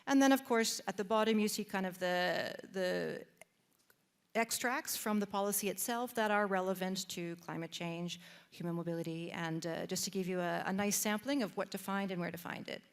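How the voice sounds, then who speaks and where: A woman with a Canadian accent and a mid-range voice speaks at normal speed, presenting a database at a conference. In a conference room, she walks a live panel audience through a website on screen, using frequent fillers and restarts.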